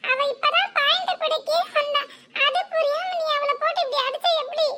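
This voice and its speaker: A woman voicing a sharp-tongued young sister in a cartoon serial, who snaps at her sibling and scolds her with insults. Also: extremely high pitch, fairly quick. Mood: exasperated.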